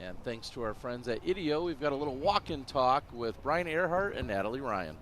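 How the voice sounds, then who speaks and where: A man's voice: medium pitch, animated, brisk. A man hosting live sports coverage and calling the play as a commentator. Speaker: broadcast host and play-by-play commentator. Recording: loud crowd and outdoor noise behind.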